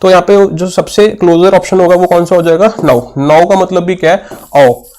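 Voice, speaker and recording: Young guy explaining english grammar for exam prep, kinda high voice, reads the questions out slow. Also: steady tone, a little mellow. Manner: explains patiently, asks and answers his own questions; mixes Hindi with English terms, reads questions slowly. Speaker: English teacher. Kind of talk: exam-prep lesson, solving questions aloud.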